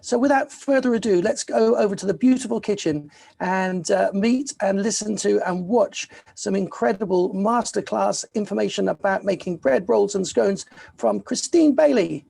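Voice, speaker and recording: Man, festival host, gravelly, mellow voice, upbeat intro. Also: high-pitched, moderate pace. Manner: upbeat, with filler ums and uhs. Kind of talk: virtual event introduction.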